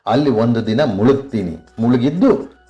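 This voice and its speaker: A man's voice: mid-range voice, animated, moderate pace, lo-fi sound, soft background music, natural voice. An older man voicing a proud, vengeful warrior king who boasts and vows revenge with rising emphasis. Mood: commanding. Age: 60s.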